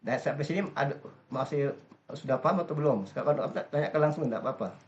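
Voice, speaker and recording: A man's voice: mid-range voice, quick pace. A man teaching an English grammar lesson step by step, often stopping to quiz his class. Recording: dull lo-fi recording.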